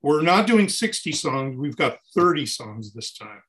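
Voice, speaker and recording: In an unhurried manner and a voice on the high side, the sixties-aged touring keyboardist talks animatedly during a casual interview. His speech flows in long runs, often broken by restarts.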